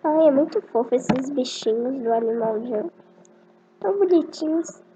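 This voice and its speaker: A woman's voice: high-pitched, animated, moderate pace. A female gamer chatting casually through her first play of an online animal game, gushing over the cute creatures. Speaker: gameplay narrator. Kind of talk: casual gameplay commentary. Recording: dull lo-fi recording with loud noise.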